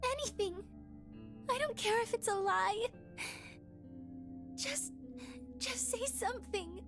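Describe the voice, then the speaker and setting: Soft, very high young woman for a game, slow and hesitant, over music. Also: heavily acted. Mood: hurt pleading. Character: gentle, soft-spoken young woman, hurt and quiet. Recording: game audio with music underneath.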